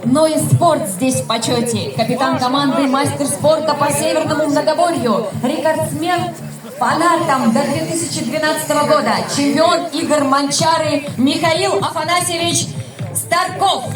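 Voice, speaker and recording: Echoing high-voiced female stadium announcer. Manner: formal, declamatory announcer delivery. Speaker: stadium announcer at a sports team parade. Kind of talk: ceremonial public-address announcing of scripted introductions. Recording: echoing PA sound with music. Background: music.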